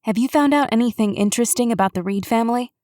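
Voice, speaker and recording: A woman's voice: a little high, fast talker, darkish tone, dry recording, natural voice. Eager young woman sleuth, voiced by a woman narrator, dry booth sound. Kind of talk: audiobook character voice.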